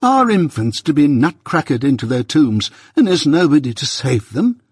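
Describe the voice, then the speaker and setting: An exasperated gentleman at the end of his patience, performed by a man reading a storybook. His husky voice climbs high as he protests, helpless and desperate. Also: very animated, normal speed, dry recording, clean studio sound. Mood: desolate desperation. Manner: desperate, remonstrating. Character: exasperated, helpless, despairing gentleman husband and father.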